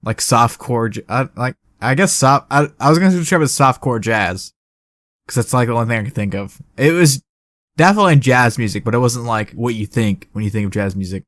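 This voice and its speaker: Young man co-hosting, animated and chatty. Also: medium pitch, a little fast, dry recording, studio quality. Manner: animated, acts out movie quotes. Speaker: podcast co-host. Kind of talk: casual chat.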